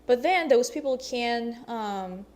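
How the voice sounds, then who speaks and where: A woman's voice: on the high side, animated, slow, darkish tone. A young woman from Russia, a vlogger chatting casually to camera, hesitant and full of ums.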